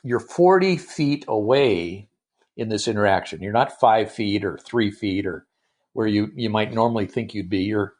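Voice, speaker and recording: A man hosting a casual podcast interview, animated, often restarting sentences and affirming with "yep" and "right". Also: on the low side, moderate pace.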